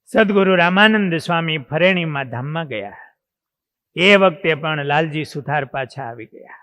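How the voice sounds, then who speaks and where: High, bright-voiced male monk preacher. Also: expressive, moderate pace. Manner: dramatic, swings in loudness. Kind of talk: devotional storytelling sermon. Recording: long hall reverb.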